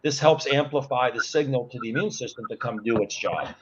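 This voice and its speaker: A man's voice: mid-range voice, fairly quick, highs cut off, noisy background. A man in his sixties, a guest on an online talk show, earnestly explaining things step by step. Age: 60s.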